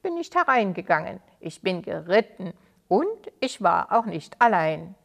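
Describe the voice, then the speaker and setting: A woman reading a children's story, voicing a spiteful, triumphant old male sorcerer who speaks loudly and gloats. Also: high-pitched, sing-song, measured pace, gravelly, exaggerated voice. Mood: gloating. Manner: loud and gloating.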